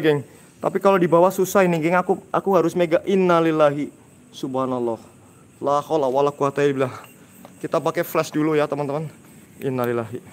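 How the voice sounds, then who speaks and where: Guy doing a live ghost hunt at night, hushed and urgent, kinda high voice, crickets chirping behind. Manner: hushed, urgent, repeating Islamic exclamations and addressing viewers. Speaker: ghost-hunting livestream host. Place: dark building at night, outdoors nearby.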